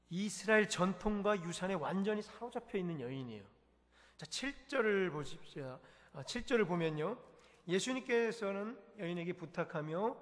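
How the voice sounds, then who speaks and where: High-voiced Korean pastor in a reverberant church. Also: male voice. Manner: lively preaching, asks the congregation questions. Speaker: senior pastor. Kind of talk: sermon. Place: church sanctuary. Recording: church hall with long reverb.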